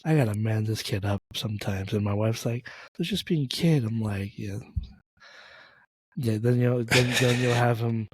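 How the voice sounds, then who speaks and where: Animated man, emphatic and joking. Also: medium pitch, moderate pace, husky. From Thailand. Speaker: podcast co-host. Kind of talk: casual faith discussion.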